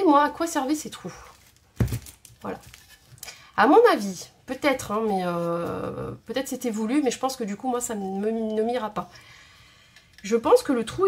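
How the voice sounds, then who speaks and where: At a craft table in her home, a woman hosts a tutorial video, chatting casually and thinking aloud with lots of hesitations. Her voice is on the high side, with slight background noise.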